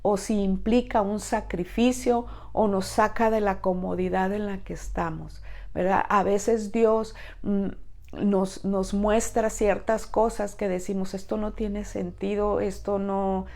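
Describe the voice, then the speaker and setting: Woman, middle-aged, women's ministry teacher; unhurried, conversational, filler-heavy delivery. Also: mid-range voice, fairly even intonation, vocal fry, a little mellow. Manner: conversational, many fillers and tag questions. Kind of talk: informal Bible teaching.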